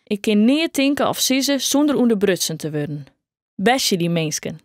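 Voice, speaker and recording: A woman's voice: mid-range voice, very animated, moderate pace, no echo, studio quality, close to an everyday voice. A woman reading a blunt, grieving teen girl. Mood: sarcastic. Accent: Frisian. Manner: blunt, sarcastic teen talk.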